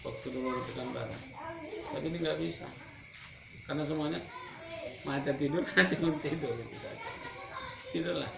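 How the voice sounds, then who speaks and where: Gravelly man preaching in an echoey hall. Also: fairly high pitch, steady tone, normal speed, pauses often. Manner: asks rhetorical questions and answers them himself; chatty, teasing preaching with laughs. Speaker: Islamic preacher. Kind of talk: sermon to a congregation. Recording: echoey, dull lo-fi hall recording with noise.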